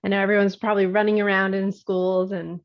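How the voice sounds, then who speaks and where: A woman's voice: mid-range voice, little pitch movement, quick pace, dull audio. A woman facilitating a session, chatting casually and self-deprecatingly on a video call.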